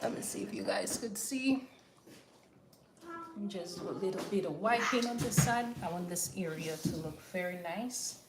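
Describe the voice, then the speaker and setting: A woman's voice: lowish voice, animated, moderate pace, heavy background noise. A woman hosting a casual home cooking demonstration, repeating words for emphasis and checking in with short questions. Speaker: home cooking video host. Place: indoor kitchen. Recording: echoey room with clattering dishes.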